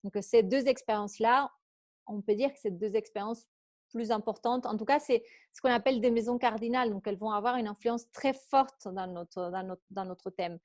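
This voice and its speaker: A woman's voice: on the high side, moderate pace, a little mellow, no room sound, clean studio sound. A woman with an accent teaching an online astrology workshop. She talks in a chatty way, reads out questions from participants and laughs easily. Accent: foreign accent. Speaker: astrology coach.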